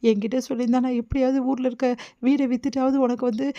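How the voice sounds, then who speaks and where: Grieving, reproachful mother, done by a woman narrator; soft, mellow tone. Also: sits high, level tone, quick pace, no echo, highs cut off. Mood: lamenting. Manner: scolding and lamenting. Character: grieving middle-aged mother, wailing, reproachful.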